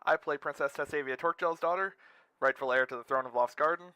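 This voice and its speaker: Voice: medium pitch, fast, pushed and bright, no echo. A tabletop game player introducing their character in casual chat, voice run through a voice changer, stopping and restarting the intro. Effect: voice changer altering the voice.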